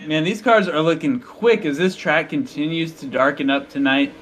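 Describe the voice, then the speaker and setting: A man's voice: on the high side, moderate pace, a bit bright, a little hiss or hum. A man giving live motorsport commentary in an informal, chatty, conversational way.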